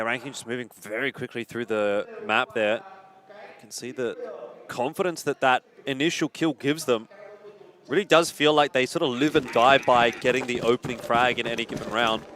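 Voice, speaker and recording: A man's voice: mid-range voice, a bit bright. A man commentating live on an esports match as a caster, explaining the play, with crowd and game gunfire behind him.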